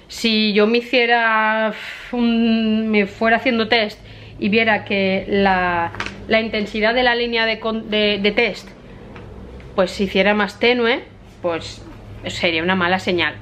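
A woman in her thirties with a Spain Spanish accent, chatting excitedly to camera in a casual vlog. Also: medium pitch, unhurried. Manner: chatty and excitable, often laughing. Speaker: vlogger.

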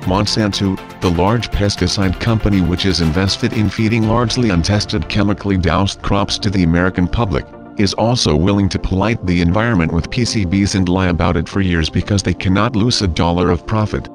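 A man reads a scripted political message as narrator, in a solemn, measured way. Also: sits low. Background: music.

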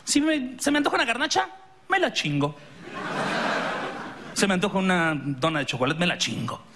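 A man's voice: high voice, big pitch swings, normal speed. A man with a Mexican accent doing a self-mocking stand-up routine full of slang, with punchy delivery. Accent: Mexican Spanish. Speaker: stand-up comedian. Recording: live stage mic with crowd laughter and room noise.

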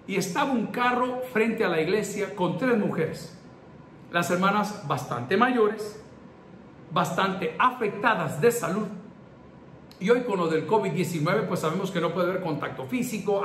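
A man's voice: high-pitched, a bit bright. A man, preaching a sermon in an emphatic, rhythmic call-and-response way, recorded in an echoey room. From El Salvador. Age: 50s. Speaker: pastor. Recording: echoey room with faint noise.

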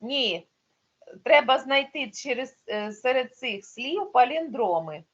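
A woman's voice: high voice, lively intonation, takes it slowly, slightly rough, highs cut off. A woman teaching a primary school class online, explaining patiently step by step.

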